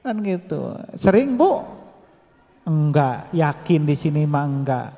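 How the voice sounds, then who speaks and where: A high-pitched male religious teacher, speaking in a loose, chatty way and teasing the women in his audience. His voice rings out in a big hall with a long echo trailing behind each phrase. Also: unhurried, vocal fry, warm tone, highs cut off. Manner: chatty, teasing, addresses women listeners directly. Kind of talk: casual Friday religious talk.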